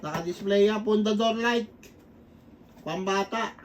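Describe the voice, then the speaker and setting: A man's voice: sits high, a little slow. A man, co-hosting a casual unboxing vlog at home with joking, teasing banter. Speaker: vlog co-host. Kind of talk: casual gift-unboxing chat. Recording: distant mic, faint room noise.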